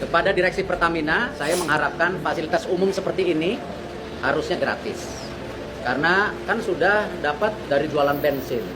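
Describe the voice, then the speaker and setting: A man's voice: fairly high pitch, fairly quick, background noise. A man outdoors at a petrol station complaining to camera and making demands.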